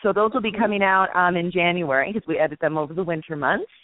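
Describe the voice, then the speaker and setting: A woman guest chatting on a radio show, telling stories in a lively way and laughing at herself. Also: on the low side, quick pace, no room sound. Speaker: guest from an instructors' association. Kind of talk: casual radio chat. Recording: tinny phone-line sound, dry.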